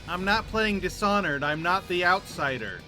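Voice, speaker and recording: Male game streamer: casual, wry commentary, chatty muttered asides, clear music bed. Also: sits high, lively intonation, moderate pace, bright, forceful tone. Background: video game music.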